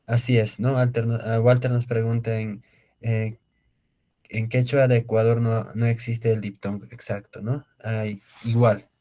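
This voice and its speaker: A male language teacher, mid-pitched for a man, lecturing to an online class. He explains slowly and repeats words, with many fillers and tag questions. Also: little pitch movement, dark tone.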